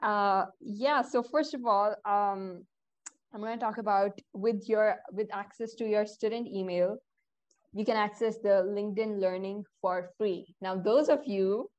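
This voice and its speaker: A woman's voice: medium pitch, a little slow, darkish tone, muffled recording. Chatty young woman host. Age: young adult. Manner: chatty, addresses listeners directly, self-correcting. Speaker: podcast host. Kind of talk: casual podcast chat.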